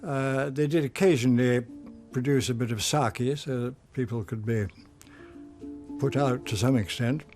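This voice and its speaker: A man's voice: medium pitch, normal speed. A man in his nineties, a former prisoner of war, recalling his memories hesitantly in an interview. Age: 90s. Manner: hesitant, many fillers. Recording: interview over loud music.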